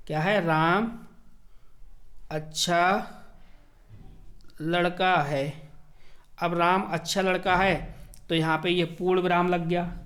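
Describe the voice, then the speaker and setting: A man who teaches by walking through an exam paper, slowly repeating key words and asking and answering his own questions. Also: high voice.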